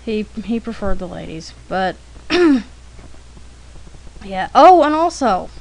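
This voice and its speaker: With big pitch swings and a darkish tone, a woman speaks slowly at a medium pitch as she narrates a drawing demonstration. Her commentary is casual, rambling and anecdotal, chatty and informal, with frequent throat clearing, and the audio is poor.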